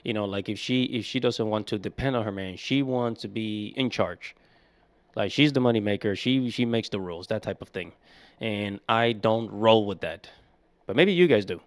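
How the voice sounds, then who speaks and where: A man's voice: lowish voice, moderate pace, no echo. A man in his thirties giving casual, opinionated commentary, repeating his points with emphasis. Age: 30s. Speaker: commentator reacting to clips.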